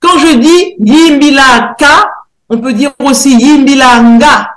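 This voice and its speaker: A woman researcher giving a lecture presentation, pausing often to search for words and spelling out sounds slowly and carefully. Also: sits high, echoey room. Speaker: researcher and theologian presenting a decoding.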